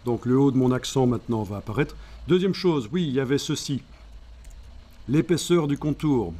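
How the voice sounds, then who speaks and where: A man speaking, explaining a software tutorial step by step and thinking aloud as he works. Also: medium pitch, expressive, moderate pace. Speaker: software instructor. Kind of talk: screen-recorded software tutorial.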